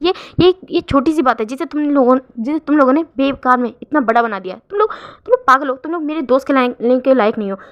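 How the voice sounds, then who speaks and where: A woman's voice: high voice, expressive, fast talker, muffled recording. A woman voicing an indignant teenage boy who scolds his friends heatedly and stumbles over repeated words as he defends someone. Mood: scolding. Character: teen boy, hot-tempered defender of a friend. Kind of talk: storytelling fan fiction.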